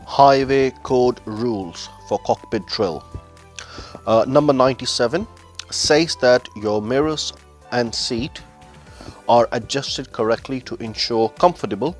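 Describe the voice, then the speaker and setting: A man's voice: mid-range voice, measured pace, faint music behind. A man speaking as a driving instructor, giving methodical, formal step-by-step instructions to learner drivers in non-native English phrasing.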